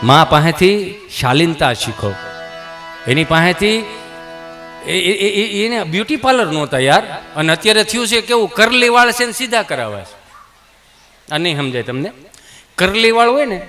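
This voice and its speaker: A man's voice: high-pitched, sing-song, normal speed, long pauses, bright, forceful tone, faint music behind. A man performing a live stand-up comedy routine, chatty and acting out little dialogues.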